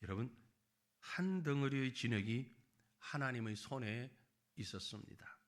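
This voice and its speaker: A middle-aged man preaching a Sunday sermon as pastor, rising into high pleading voices and dropping low and quiet at the ends of phrases, with light self-mocking asides. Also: a little slow.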